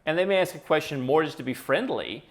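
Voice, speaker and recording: Fast-talking man giving advice. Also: on the high side, animated. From United States. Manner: brisk, opinionated, lightly sarcastic. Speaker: channel host. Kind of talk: talking-head advice commentary.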